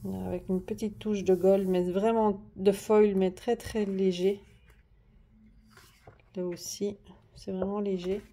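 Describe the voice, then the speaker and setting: A woman chats through a craft haul at her desk, pausing often on fillers and restarting her sentences. Her voice is mellow and soft-edged, with a plain middle pitch. She addresses the camera in relaxed, easy talk. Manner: chatty, hesitant, many fillers and restarts. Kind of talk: casual show-and-tell vlog. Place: at home at a desk. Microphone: camera on the desk, moved closer and back.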